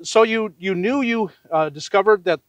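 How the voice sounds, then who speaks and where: Older male interviewer, fairly high voice, reflective, casual, dry outdoor recording. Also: moderate pace, dry recording. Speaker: interviewer, host. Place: outdoors on open desert gravel lot.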